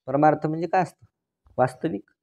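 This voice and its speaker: A man teaching a religious scripture discourse, posing questions to his listeners and answering them himself, and slowly reciting Sanskrit passages. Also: on the high side, vocal fry, dark tone. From Maharashtra. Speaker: Vedanta teacher. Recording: dull lo-fi recording.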